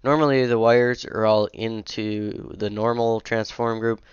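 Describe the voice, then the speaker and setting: Unhurried and level, a young man's sniffly voice, low-ish, clear and resonant, rambles through commentary as he edits a game map, thick with fillers and self-corrections because he's casually thinking aloud with a cold. He's a modding streamer on a headset at his home computer. The recording is muffled, without echo.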